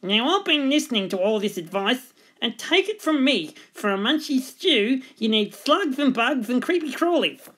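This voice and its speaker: A woman's voice: high voice, sing-song, moderate pace, fairly bright tone, voice pushed up, heavily acted. A woman voicing a bristly, bossy echidna in a children's storybook, giving insistent advice. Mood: bristling, bossy.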